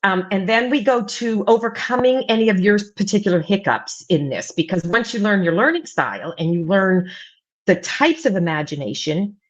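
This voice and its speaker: In this casual interview, the guest is a writing coach, a middle-aged woman raised in the United States, mostly Virginia Beach, who wanders through her points with many fillers and false starts. Her medium-pitched voice is lively in intonation at a moderate pace, over dull audio.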